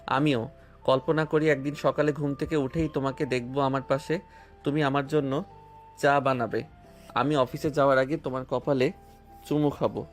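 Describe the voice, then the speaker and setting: A man takes the role of a playful, loving young husband in a romance audio drama, his words soft and teasing against quiet music. The acting is light, his voice mid-range with a steady tone, and he speaks at normal speed.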